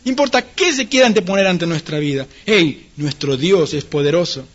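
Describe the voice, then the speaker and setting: A man pastor preaching a sermon, animated, acting out the people he quotes and laughing now and then. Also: high voice, moderate pace, lo-fi sound.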